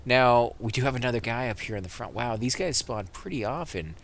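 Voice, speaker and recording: A man giving casual, rambling let's play commentary, correcting himself as he goes and getting excited in fights. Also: medium pitch, a little fast, a little hiss or hum. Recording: game music loud behind voice. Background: game music and vehicle sounds.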